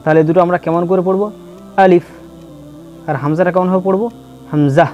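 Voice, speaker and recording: A man teaching letter pronunciation in a slow lesson, patiently repeating and drawing out each sound for students to follow. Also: high voice, level tone. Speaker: Quran reading teacher. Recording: dull lo-fi with faint music.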